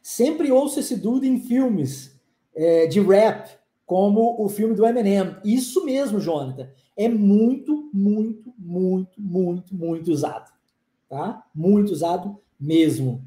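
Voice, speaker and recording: An upbeat woman with a Brazilian Portuguese accent leads a casual English lesson over a live stream, answering comments and repeating phrases for her students. Her voice is mellow and dark in tone, and her middle-pitched speech rings with the echo of a bare room. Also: lively intonation, slow. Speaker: English teacher.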